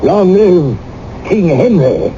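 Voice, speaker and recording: A man's voice: high voice, big pitch swings, slow, mellow, dull audio, exaggerated voice. An actor playing a lonely, imperious, aging English king in a radio drama, blustering and stammering with impatience. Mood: wistful, pleading. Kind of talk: old-time radio drama acting. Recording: noisy, band-limited old radio broadcast.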